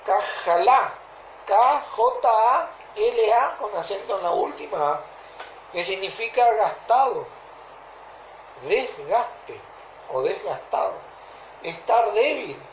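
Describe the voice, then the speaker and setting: A woman's voice: mid-range voice, a little hiss or hum. Argentine woman preaching in an echoey room. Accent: Rioplatense Argentine. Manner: deliberate, repeatedly checking that listeners follow. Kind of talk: sermon.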